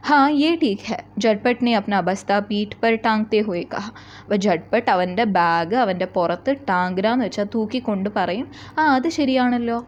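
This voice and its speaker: Woman teacher from kerala, reads slow then explains fast and chatty, muffled lo-fi audio. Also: medium pitch, a little mellow, slight background noise. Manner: reads lines slowly, then explains them quickly and chattily. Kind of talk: explaining a textbook story.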